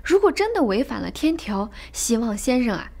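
A woman's voice: fairly high pitch, sing-song, moderate pace, creaky, dark tone, heavily acted. A woman voicing a proud, hot-tempered male dragon king in a storybook tale, blustering and demanding. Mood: pleading. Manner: blustering, threatening.

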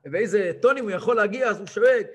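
A man in his thirties, a rabbi giving a lively weekly lesson, who acts out a cantor's chanting and scolds him. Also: fairly high pitch, breathy edge. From Israel. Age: 30s. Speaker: rabbi teaching a weekly class.

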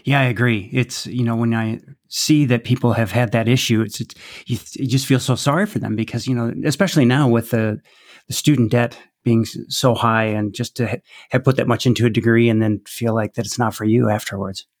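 Man hosting, measured formal intro. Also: mid-range voice, fairly even intonation. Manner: measured, reading a formal bio. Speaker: podcast host. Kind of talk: scripted introduction and interview questions.

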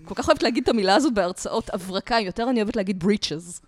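A woman talking as a guest lecturer in a podcast interview, explaining in a lively, talkative way from memory. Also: mid-range voice, a crowd in the background. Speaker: guest lecturer on culture history.

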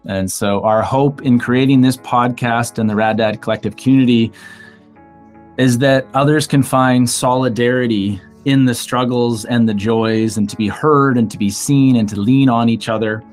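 A man's voice: mid-range voice, steady tone, moderate pace, a little mellow, soft background music. Earnest male podcast co-host. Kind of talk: earnest podcast intro talk.

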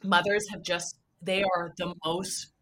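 A woman's voice: lowish voice, flat delivery, slow, sharp tone. A woman hosting a podcast interview, enthusiastic and emotional, laughing often. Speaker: podcast host.

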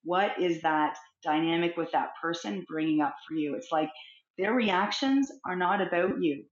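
A middle-aged woman, a counsellor, talking as a guest in an interview, speaking in a reflective, expressive way and acting out little everyday scenes. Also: fairly low pitch, normal speed. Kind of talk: conversational interview. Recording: roomy, dull lo-fi sound.

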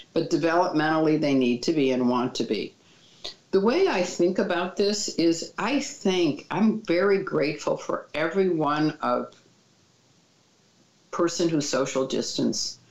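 Low, gravelly woman in an echoey room. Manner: calm, reassuring advice. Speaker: child mental health expert. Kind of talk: interview answers. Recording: dull, echoey room sound.

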